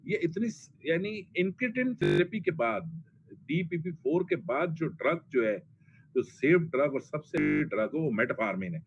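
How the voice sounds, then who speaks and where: A man's voice: a little high, very animated, a little slow. A man giving a pharmacology lecture, blunt and colloquial, repeating drug names for emphasis. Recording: dull lo-fi classroom recording, faint noise.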